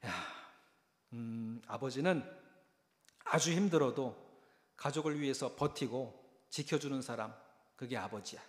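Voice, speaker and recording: A man voicing a tired, gruff father who answers his son bluntly. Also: medium pitch, a little slow, pauses often, lightly acted. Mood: patient. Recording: echoey church hall reverb.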